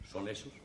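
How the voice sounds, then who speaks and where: An actor playing a suspicious, haughty sixteenth-century nobleman, speaking in a formal, commanding, archaic manner with a Spain Spanish accent. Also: background noise. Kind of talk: 1960s TV stage play acting. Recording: echoey old TV studio sound.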